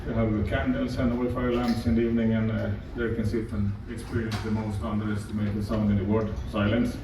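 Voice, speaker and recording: A man's voice: lowish voice, flat delivery, noisy background. Captain guy, dry jokes, far off mic in a super echoey ship atrium, people chatting behind. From Åland Islands, Finland. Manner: dry joking, unhurried. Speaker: ship's captain. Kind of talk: stage interview, casual chat.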